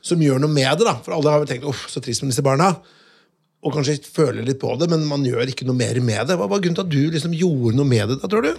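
A man's voice: a little high, animated, vocal fry, a little mellow, husky. A man hosting a podcast, talking casually and hesitantly with many restarts. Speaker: podcast host. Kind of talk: casual interview chat. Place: studio in a city.

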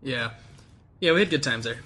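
A man's voice: medium pitch, normal speed, sharp tone. A man from Florida hosting a podcast, chatting casually, giggling and saying "like" constantly. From Florida, USA. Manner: giggly, heavy use of "like". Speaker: podcast host. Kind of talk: casual chat.

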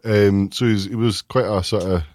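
A man co-hosting a podcast, delivering dry deadpan jokes with hesitant ums. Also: lowish voice, normal speed, no room sound. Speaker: podcast co-host. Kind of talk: casual chat.

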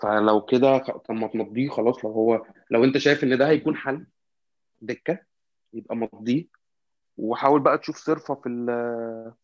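Casting: Egyptian-accented man, quick but halting casual sports talker, dry, slightly muffled lo-fi sound. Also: medium pitch, dry recording. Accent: Egyptian Arabic. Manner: halting, repetitive, often searching for words. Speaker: football fan commentator. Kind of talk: casual football discussion.

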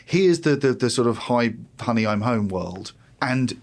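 A man's voice: mid-range voice, lively intonation, measured pace, creaky. British man discussing culture, acting out quotes. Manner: acts out imagined quotes while explaining. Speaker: panel commentator.

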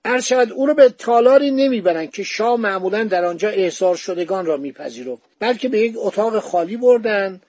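A man's voice: high voice, animated, hardly any pauses, darkish tone, no room sound. A man hosting a history podcast, telling the story in a conversational, digressive way with frequent fillers.

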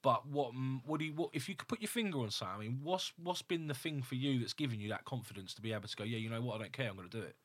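A man's voice: medium pitch, rapid-fire, hardly any pauses, fairly bright tone. A man, hosting a casual interview and talking bluntly with frequent swearing. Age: 30s. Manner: blunt, swears freely, many fillers. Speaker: podcast host.

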